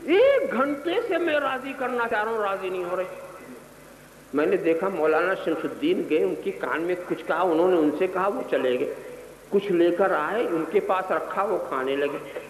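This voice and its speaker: A man's voice: high-pitched, animated, a little hiss or hum. Impassioned male preacher in an echoey hall. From Gujarat, India. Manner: storytelling, rising to impassioned shouts. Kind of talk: sermon with anecdotes.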